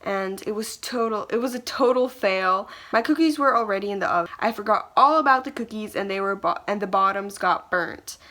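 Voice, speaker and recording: A young woman shares her old diary in a casual, confessional vlog style. She speaks at a medium pitch and moves between reading and commenting, rambling a little and sounding hesitant and self-conscious. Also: fairly quick, few pauses, sharp tone.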